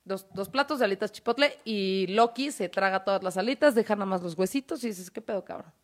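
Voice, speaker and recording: A woman with a Mexican accent retelling a myth in a casual chat, animated and full of slang and swearing. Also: mid-range voice, brisk.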